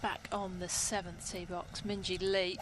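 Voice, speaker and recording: A woman's voice: on the low side, flat delivery, unhurried. A woman giving live golf commentary, describing shots and scores. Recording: clear outdoor ambient noise.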